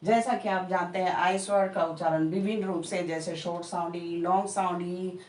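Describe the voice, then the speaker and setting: A woman teaching pronunciation in a slow lesson, explaining rules step by step and repeating example words one at a time. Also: fairly low pitch, fairly even intonation, a little mellow. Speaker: English teacher. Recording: echoey room, from a distance, faint background noise.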